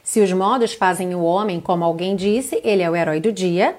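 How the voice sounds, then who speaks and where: Speaking on the low side with a slightly mellow sound, a woman from Brazil gives an online English lesson in which she reads lyrics carefully and slowly, then renders them in translation.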